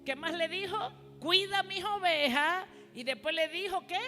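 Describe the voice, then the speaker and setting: A woman's voice: extremely high pitch, moderate pace, pushed and bright. A woman preacher giving a call-and-response sermon, leading the congregation to repeat her phrases. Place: church hall. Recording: reverberant hall with faint music.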